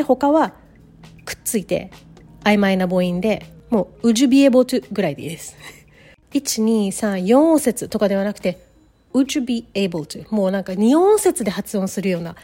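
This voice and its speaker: A woman teaching a bilingual English lesson, upbeat and encouraging, modeling English phrases slowly for learners. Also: mid-range voice, dark tone.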